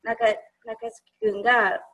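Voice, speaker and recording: A woman's voice: moderate pace, a bit bright, low-quality recording. A woman in casual discussion of a film, talking hesitantly with many fillers. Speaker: discussion participant.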